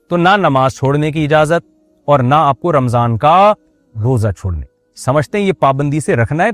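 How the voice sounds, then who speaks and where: A man preaches a religious sermon, keeping it conversational with joking asides to his listeners. His voice sits fairly high. The sound is dry, with faint music underneath. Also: dry recording. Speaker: Islamic preacher.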